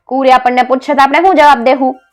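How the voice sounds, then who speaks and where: A woman voicing a foolish, pompous old king who blusters and gives orders loudly. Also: high-pitched, steady tone, rapid-fire, pitched above the performer's own voice, lightly acted. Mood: fretful. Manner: blustering, commanding, loud.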